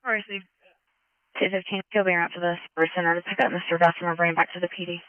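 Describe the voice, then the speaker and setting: A woman's voice: on the low side, fairly even intonation, quick pace, dry recording. A woman dispatcher relaying calls in clipped phrases over a lo-fi police radio.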